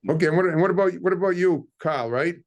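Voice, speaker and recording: Brief: fast, slightly high-voiced male host, chatty interviewer. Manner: quick, chatty questions with restarts. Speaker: talk show host. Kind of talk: casual interview.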